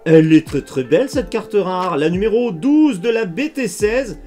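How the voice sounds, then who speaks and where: Chatty excitable man opening card packs. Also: high voice, moderate pace, faint music behind. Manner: chatty, excitable, addresses viewers directly. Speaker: card unboxing youtuber. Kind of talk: casual unboxing commentary.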